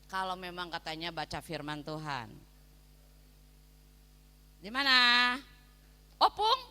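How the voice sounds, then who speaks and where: A woman pastor preaching a sermon, swinging between soft asides and loud, emphatic calls to her listeners. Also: lowish voice, sing-song, takes it slowly, clean tone. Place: prison hall, preaching to inmates. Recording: long hall reverb.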